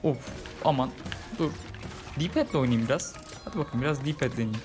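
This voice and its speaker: A man's voice: medium pitch, normal speed, music in the background. A man commentating casually over his own gameplay, joking and grumbling as he repeats his complaints. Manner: frustrated, repeats himself, jokey complaints. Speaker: gaming YouTuber. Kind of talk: casual let's-play commentary.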